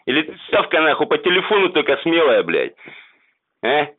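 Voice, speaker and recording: A man's voice: a little high, big pitch swings, moderate pace. Foul-mouthed man mocking over a tinny phone line. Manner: crude, mocking, heavy swearing. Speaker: host taunting a debt collector. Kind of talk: prank phone call. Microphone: phone call recording.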